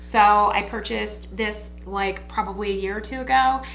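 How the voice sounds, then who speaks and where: A woman's voice: mid-range voice, normal speed, a bit bright, a little hiss or hum, low-quality recording. An American woman chatting informally like a makeup tutorial host in a beauty haul review, slangy and swearing freely. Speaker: beauty vlogger.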